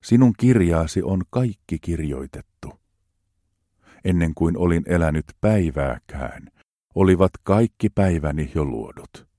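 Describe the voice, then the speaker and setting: A man reading psalms aloud in a slow, measured, solemn way. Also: deep voice, animated, warm tone, no echo, studio quality. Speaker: scripture reader.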